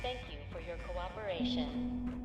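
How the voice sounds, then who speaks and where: A woman voicing a calm facility announcer over a factory loudspeaker, giving a flat, formal evacuation message. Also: lowish voice, normal speed, over loud music. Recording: echoey loudspeaker heard from far off.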